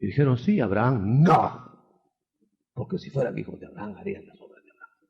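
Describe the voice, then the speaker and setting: Animated preacher man, lo-fi recording. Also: medium pitch, fairly quick, creaky. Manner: animated storytelling, acting out shouted quotes. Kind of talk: sermon. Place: seminar hall. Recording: dull lo-fi 1991 seminar recording.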